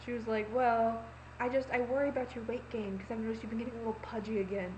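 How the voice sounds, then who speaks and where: A woman's voice: a little high, little pitch movement, quick pace, darkish tone, slight background noise, low-quality recording. A young woman talking casually into her laptop, rambling with lots of fillers and acted-out quotes. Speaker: vlogger. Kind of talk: casual confessional vlog. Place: home room, laptop recording. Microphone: laptop webcam mic.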